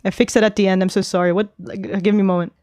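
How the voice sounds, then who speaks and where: A woman's voice: mid-range voice, level tone, racing, music in the background. A young adult woman streaming casual chat, rambling, giggling often and swearing freely. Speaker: VTuber streamer.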